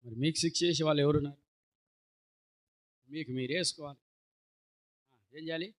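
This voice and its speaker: A man preaching a sermon as pastor, exhorting his congregation and calling out for hallelujahs, swinging between loud preaching and quiet asides. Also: fairly high pitch, fairly even intonation, moderate pace. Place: church sanctuary.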